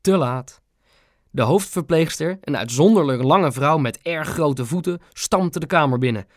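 A man narrating a children's audiobook in a lively storytelling manner. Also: on the high side, measured pace, no room sound, clean studio sound.

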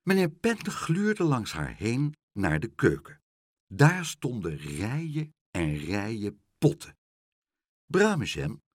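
A man narrating a children's storybook, expressive and animated, close to the mic. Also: lowish voice, takes it slowly, husky, no echo.

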